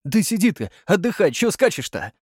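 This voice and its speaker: A man's voice: high-pitched, big pitch swings, moderate pace, breathy edge, no echo, pitched above the performer's own voice, heavily acted. Male reader as stooped fussy field medic, folksy talk, dry close sound. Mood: fussing. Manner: folksy, fussing, shouting.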